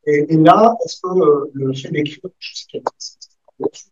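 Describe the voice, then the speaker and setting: A brisk man with a fairly high voice asks a question from the audience of a university conference, stammering and searching for words as he comments during the academic discussion. The sound is dull and muffled, with a little hiss or hum.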